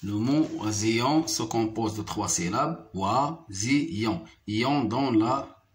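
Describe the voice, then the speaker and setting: Very slow, deliberate male teacher. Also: lowish voice. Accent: Moroccan. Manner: slow, deliberate syllable-by-syllable repetition. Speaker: primary school French teacher. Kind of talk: slow phonics lesson, repeating each word.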